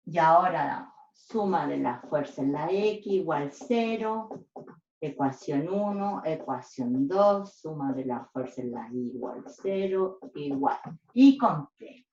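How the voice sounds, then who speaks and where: A woman's voice: low voice, animated, slow pace, darkish tone. A woman teaching physics step by step, stopping often to check that students follow. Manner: checks in with "¿ya?" after each step. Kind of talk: whiteboard lesson. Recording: echoey room, dull lo-fi sound.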